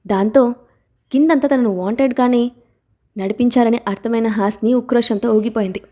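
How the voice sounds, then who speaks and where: Mellow woman narrating an audiobook. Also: on the high side, fairly even intonation, normal speed. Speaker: story narrator.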